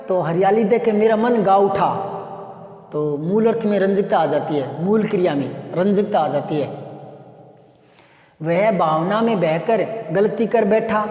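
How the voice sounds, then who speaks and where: A man's voice: high voice, darkish tone. A man teaching a grammar lesson, explaining by repeating example sentences. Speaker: Hindi teacher. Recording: echoey room with long reverb.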